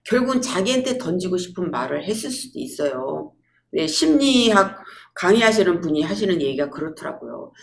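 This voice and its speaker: Gravelly low-voiced woman lecturer. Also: a little fast. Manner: lively storytelling with acted-out quotes. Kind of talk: public lecture.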